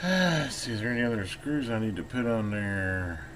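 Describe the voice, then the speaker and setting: An American repair vlogger gives a casual hands-on demonstration, folksy and informal, muttering half to himself as he works. His voice is fairly low, a bit bright and sing-song at a moderate pace, with a little hiss or hum.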